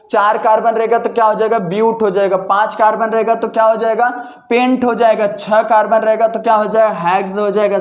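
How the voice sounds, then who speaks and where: A man teaching a chemistry lesson, asking questions aloud and answering them himself. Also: sits high. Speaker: chemistry tutor. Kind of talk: classroom-style lesson. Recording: echoey room.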